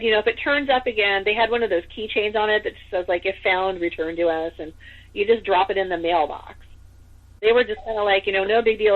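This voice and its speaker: A woman from Northern California telling a personal story as a podcast guest, in a casual chatty way full of fillers. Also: mid-range voice. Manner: chatty, full of "like" and "you know". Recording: tinny phone-like line.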